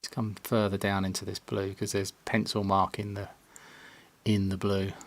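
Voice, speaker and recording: Low-voiced man chatting while he paints. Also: completely flat delivery, normal speed, no echo. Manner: chatty, self-mocking, drops to near-whisper while concentrating. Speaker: maker streaming a pinball build. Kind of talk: casual live-stream chat while painting. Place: home workshop. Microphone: separate desk mic, not on camera.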